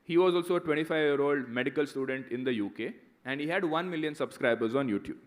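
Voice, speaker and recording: Chatty Indian man, slightly high voice. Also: fast. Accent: Indian English. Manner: conversational, keeps asking "right?". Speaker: guest speaker answering students. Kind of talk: motivational talk and Q&A.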